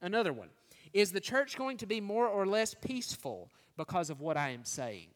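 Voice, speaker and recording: A man's voice: high voice, very animated, moderate pace. A man preaching a sermon, teaching earnestly and asking his listeners rhetorical questions. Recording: long hall reverb.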